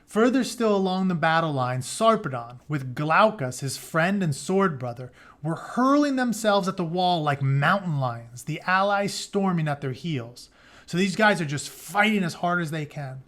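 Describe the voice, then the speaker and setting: A man acting as a teacher reads an epic retelling aloud, dramatic in the text but dropping into casual, plain paraphrases and asides. His fairly bright voice sits on the high side, with lively intonation and a moderate pace.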